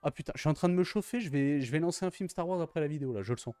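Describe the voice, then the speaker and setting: A man's voice: on the high side, animated, very fast, mellow, clean tone, dry recording, soft background music. A young man gushing in a casual, slangy film review, often repeating his exclamations. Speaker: YouTuber reviewing films.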